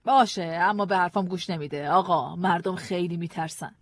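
A woman with a lowish voice reads an audiobook drama, playing a frightened, guarded wife who speaks hesitantly and pleads. She sounds anxious, and the recording is dry with no echo.

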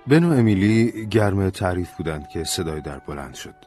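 A man narrating an audiobook in a calm, measured storytelling manner. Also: low-pitched, faint music behind.

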